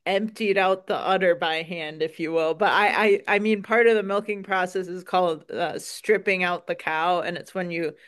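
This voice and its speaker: A woman's voice: fairly low pitch, steady tone, moderate pace, few pauses, fairly bright tone. A woman with a Wisconsin accent, a dairy farmer answering interview questions in an earnest, folksy way with frequent "um"s.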